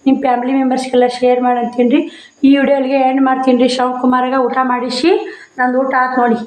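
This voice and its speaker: A village woman vlogger speaks fast to her viewers, calling them friends and circling back over the same points. Her voice sits a little high and stays flat in tone. The room around her is echoey. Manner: plain, repetitive, addresses viewers as friends. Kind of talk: casual daily-life vlog talk to viewers. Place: village home.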